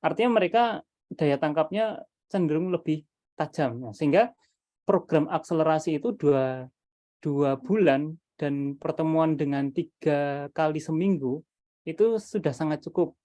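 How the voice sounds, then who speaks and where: A man's voice: a little high, measured pace, dark tone. A man presenting his Quran reading method to teachers over a video call, thinking aloud with many fillers and restarts.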